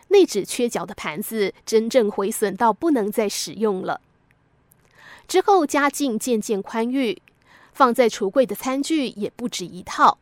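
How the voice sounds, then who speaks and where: A woman with a fairly high voice reads a story aloud in a gentle, reflective manner. The sound is close and dry, with no room around it, suited to a podcast storyteller. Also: no echo. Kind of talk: scripted story narration.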